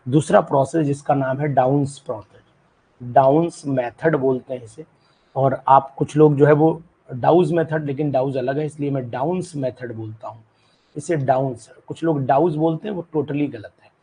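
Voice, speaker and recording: A man's voice: mid-range voice, fairly even intonation, normal speed, warm tone, husky, poor audio. A male chemistry teacher giving a live online class. He quizzes students by name and repeats key terms, mixing in English words.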